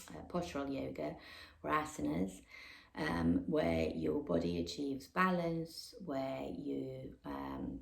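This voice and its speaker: A woman yoga teacher explaining a practice off the cuff, halting often with ums and restarts. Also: sits low, vocal fry. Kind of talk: unscripted explanation. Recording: echoey room.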